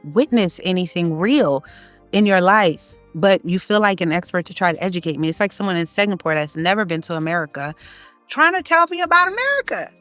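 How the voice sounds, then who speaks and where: Speaking fairly quickly with big swings in pitch, this Haitian content creator offers a forceful, opinionated monologue in a casual style. Her voice rises as she drives each point home, her tone fairly bright over faint background music.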